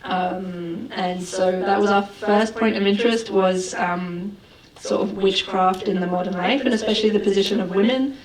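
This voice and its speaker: A woman film director answers questions at a festival Q&A, thoughtful but full of fillers and restarts. Her medium-pitched voice has fairly even intonation, moving at normal speed with few pauses. She is recorded far from the mic in a roomy hall, with crowd noise from the audience.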